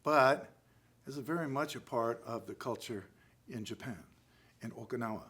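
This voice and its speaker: An American man speaking as a karate instructor in a halting lecture, often pausing to check in with "right?". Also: medium pitch, a bit bright, breathy edge. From United States. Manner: halting, with pauses and frequent "right?" check-ins. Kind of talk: spoken class lecture.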